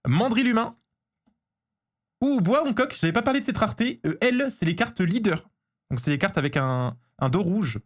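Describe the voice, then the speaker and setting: A man streaming live as he opens trading cards, chatting casually, getting excited and answering his chat. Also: high voice, normal speed.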